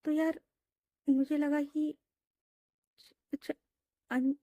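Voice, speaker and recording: A woman voicing a pleading young woman, soft and high. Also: flat delivery, very slow, no echo. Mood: apologetic.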